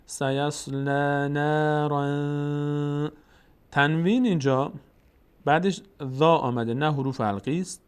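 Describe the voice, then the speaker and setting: A man with a Tajik-influenced Persian accent teaching Quran recitation, explaining the rules quickly and then drawing out the example words slowly. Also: fairly high pitch, lively intonation. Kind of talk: tajweed lesson with slow recited examples.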